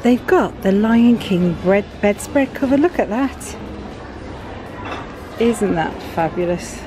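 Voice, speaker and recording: A middle-aged British woman vlogging from a big store, chatting excitedly about items and their prices. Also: mid-range voice, slow pace. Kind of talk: shopping vlog walkthrough. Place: large busy store indoors. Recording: store music and crowd noise behind.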